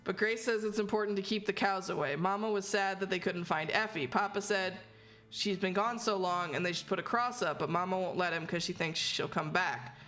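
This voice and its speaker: A woman's voice: mid-range voice, steady tone, brisk, a bit bright, slight background noise, close to an everyday voice. A woman reading aloud the diary of a frightened young frontier girl in a video game, with plain, rustic, childish phrasing. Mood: uneasy, childlike.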